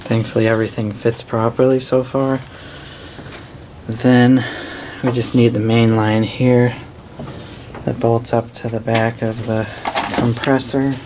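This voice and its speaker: A man's voice: mid-range voice, level tone, measured pace, noisy background. A man giving a plain, hands-on walkthrough of a repair, explaining as he works on an engine. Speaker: DIY mechanic. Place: working in a vehicle's engine bay.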